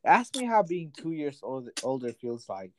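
A man's voice: a little high, very animated, moderate pace, slight background noise, poor audio. A drunk twenty-one-year-old man hosting a casual chat, laughing a lot, swearing heavily and rambling. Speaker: podcast host.

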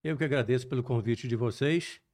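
In this laid-back interview, an older male cardiologist narrates his experiences with the deliberate detail of a professor. He has a mid-range, slightly dark voice and a Brazilian Portuguese accent drawn from both Minas Gerais and Rio de Janeiro.

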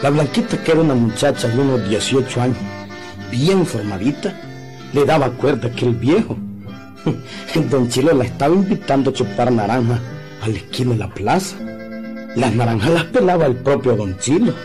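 Brief: male narrator, mid pitch, music bed behind. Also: expressive, moderate pace, a little mellow. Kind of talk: scripted radio narration.

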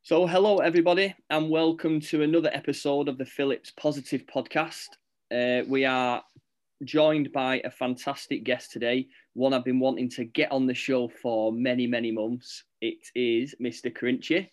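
A man with a mid-range voice hosts a school podcast at a normal speed and with fairly even intonation. He reads a scripted welcome, then shifts into upbeat, encouraging casual chat.

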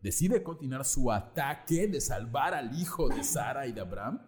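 Male Mexican podcast co-host, mid pitch, crude playful storyteller, echoey room. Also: big pitch swings, moderate pace, a little hiss or hum. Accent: Mexican Spanish. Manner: crude slang, playful, acts out voices. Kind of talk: casual comic retelling.

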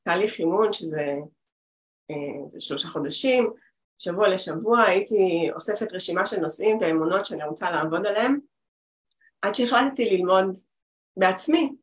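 Brief: woman in her forties, guest healer, chatty rambling talk over a video call. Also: mid-range voice.

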